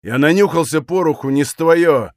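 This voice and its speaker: A man's voice: fairly high pitch, normal speed, dry recording, close to an everyday voice. Man doing a harsh threatening cossack officer, raised voice, dry sound. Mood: furious. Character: grim, hot-tempered Cossack officer, man.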